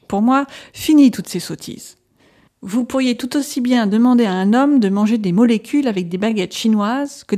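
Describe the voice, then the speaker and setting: A woman's voice: mid-range voice, dark tone, natural voice. A woman reading aloud, voicing a volatile male asylum inmate who swings between scorn and pleading. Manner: erratic, flaring into outbursts then pleading. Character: agitated middle-aged male asylum patient.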